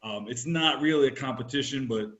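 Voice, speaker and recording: A man co-hosting a teachers' video call, calmly explaining a warm-up game with lots of "kind of". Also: medium pitch, fairly quick, dull audio. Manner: relaxed, hedging with "kind of". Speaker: co-host.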